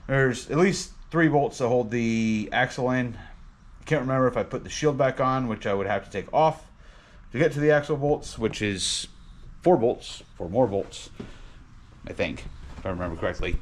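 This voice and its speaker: A man giving a casual car vlog in a tired, sedated, halting way, sounding drowsy and medicated. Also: mid-range voice, expressive. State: tired and drugged on muscle relaxers. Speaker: car vlogger and home mechanic.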